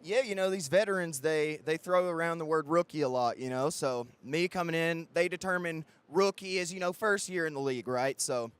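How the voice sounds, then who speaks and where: A man's voice: fairly high pitch, brisk, few pauses, clean tone. A young man, a drone racing pilot, talking casually in a post-race interview, full of fillers. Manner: relaxed, chatty, filler-heavy.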